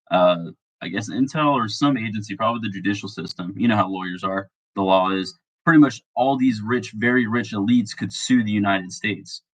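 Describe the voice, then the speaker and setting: A man who is sick, talking a bit monotone in a rambling, casual monologue full of fillers and restarts. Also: on the low side, rough recording. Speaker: political commentary vlogger.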